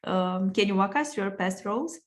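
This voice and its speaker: A woman speaks as the host of an interview podcast. Her voice sits at a medium pitch, and she talks in a conversational interviewing style. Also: lively intonation, a little fast. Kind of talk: interview questions.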